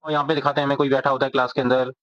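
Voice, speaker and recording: Man, storytelling recap narrator, very fast pace, slightly high voice, dull dry lo-fi recording. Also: little pitch movement, no room sound. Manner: rapid retelling of a plot, voicing each character.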